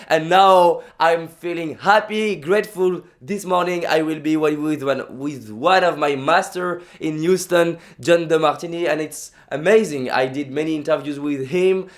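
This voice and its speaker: Here a native French speaker from France, a young man with a noticeable accent, pushes through a motivational vlog with lots of emphasis, repeated lines, and false starts. His pitch is a little high.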